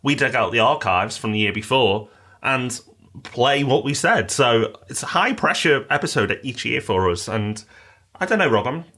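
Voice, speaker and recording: Here a British man co-hosts a casual podcast, his medium-pitched voice sharp in tone, his intonation lively and his pace normal. He's upbeat and promotional, reading a listener review aloud from the mail.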